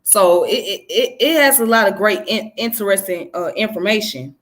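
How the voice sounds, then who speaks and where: Expressive and moderately paced, a woman with a mid-range, slightly bright voice gives informal educational commentary as a history presenter. She comes from Georgia in the southern United States and explains conversationally, often checking in with the listener.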